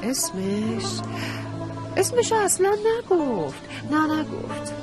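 A gentle unworried mother. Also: sits high, big pitch swings, over loud music. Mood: calm. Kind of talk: dubbed drama series dialogue.

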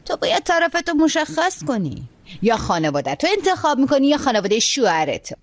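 A woman's voice: sits high, big pitch swings, no room sound. A woman dubbing a scheming, spiteful woman in a television drama, speaking in a mocking, taunting way.

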